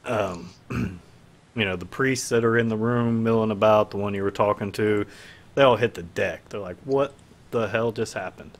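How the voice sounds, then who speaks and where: A man narrating as game master of a streamed tabletop game, relaxed and rambling, with fillers. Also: fairly low pitch, normal speed. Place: home stream setup.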